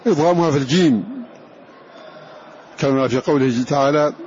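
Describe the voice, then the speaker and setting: A man teaching a Quran recitation lesson, who slowly repeats each example phrase and draws out its sounds. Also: a little high, a little mellow. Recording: dull lo-fi lecture recording with faint hiss.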